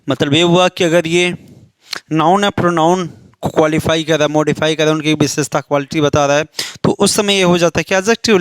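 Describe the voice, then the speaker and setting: A man with an Indian accent leads an exam-prep grammar lesson in a smooth, clear voice that sits a little high. He asks his own questions and answers them, and reads each example sentence out slowly. The recording is dry and close. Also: dry recording. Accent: Indian English. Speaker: English grammar teacher.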